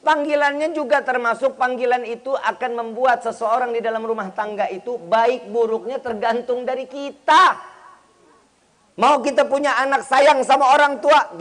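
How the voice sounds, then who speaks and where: A man's voice: extremely high pitch, fairly bright tone. A man preaching a humorous sermon in speech, teasing his listeners and acting out bits of dialogue. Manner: teasing, slangy, acts out quoted dialogue.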